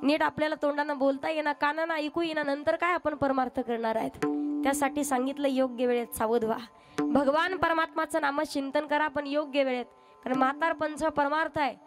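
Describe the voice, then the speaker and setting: A woman's voice: sits high, fairly even intonation, fairly quick, music in the background. A woman kirtan preacher telling a devotional story, with rhetorical questions to her listeners. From from Maharashtra, India. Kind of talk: devotional kirtan sermon with sung verses. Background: musical instrument accompaniment.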